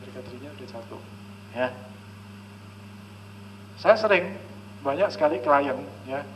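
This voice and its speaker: A man's voice: fairly high pitch, animated, measured pace, lo-fi sound, a little hiss or hum. A man speaking as a counselor at a live seminar, who often checks in with the audience and acts out conversations between parents and children.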